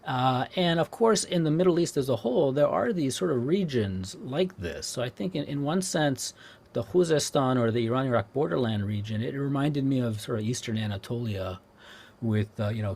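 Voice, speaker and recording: An older man from Southern California interviewing a guest, talking in a relaxed, rambling way with many fillers. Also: medium pitch, moderate pace. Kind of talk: academic interview.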